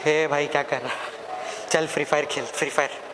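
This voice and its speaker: A young man playing a gleeful, scheming male devil in a stage monologue, bossing his minions, taunting, and breaking into cackles and shouts. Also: fairly high pitch, steady tone, normal speed, background noise, lightly acted. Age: young adult. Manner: taunting, bossy, bursts into cackling laughs and shouts. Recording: echoey hall, long reverb.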